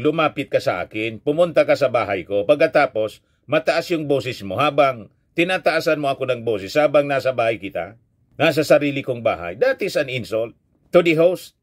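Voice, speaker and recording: Filipino guy lecturing on the news, preachy and scolding, mid-pitched voice. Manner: scolding, preachy, switches between Tagalog and English, reads news aloud. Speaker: vlogger, news commentator. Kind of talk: opinionated news commentary.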